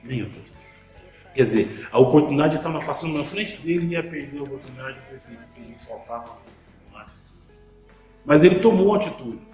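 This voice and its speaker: A man's voice: fairly high pitch, expressive, fast talker, a little mellow, roomy sound, soft background music, low-quality recording. A man preaching a sermon, asking the listeners rhetorical questions and often repeating words as he restarts a thought.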